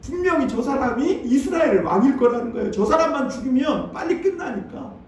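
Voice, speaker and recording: A man's voice: very high voice, lively intonation, brisk. A man preaching a Sunday sermon as pastor, retelling a story in a conversational way and asking the congregation questions. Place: church sanctuary. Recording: very echoey hall, distant mic.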